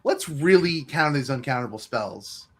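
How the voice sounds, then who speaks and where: A man co-hosting a podcast, trading quick quips and laughs during casual card game commentary. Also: medium pitch, animated.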